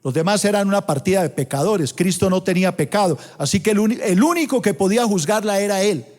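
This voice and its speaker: A pastor with a high voice and a Colombian Spanish accent preaches a sermon to his congregation, expressive, fast and a little mellow. He drawls out scripture quotes for emphasis, his voice ringing with the long reverb of a large church auditorium.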